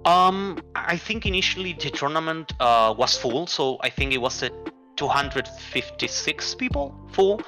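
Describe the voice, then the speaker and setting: An Argentine card game player, guesting in a casual interview chat, talks in a fairly high, unhurried voice with big pitch swings, heard over music. He is easygoing, restarting often and peppering his speech with fillers like "like" and "right."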